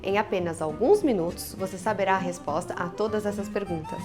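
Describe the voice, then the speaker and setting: A woman with a Brazilian Portuguese accent teaching French numbers in an upbeat, playful online lesson, drilling each word slowly. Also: mid-range voice, animated, music in the background.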